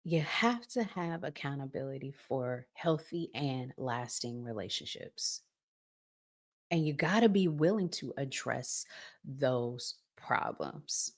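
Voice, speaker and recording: Her voice is very deep, expressive and slow. She's an American relationship advice channel host whose casual, emphatic delivery leans on colloquial language, stretched-out key words, and acted-out examples.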